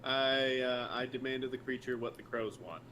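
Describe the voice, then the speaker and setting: A man's voice: medium pitch, normal speed, pushed and bright, a little hiss or hum. A man playing in a tabletop game, hesitantly stating actions and asking curious rules questions. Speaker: player. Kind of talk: casual tabletop play.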